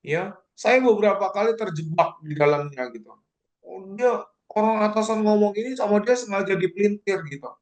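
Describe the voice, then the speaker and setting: A middle-aged man giving a casual university lecture, animated and jumping up in pitch to mimic people. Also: moderate pace.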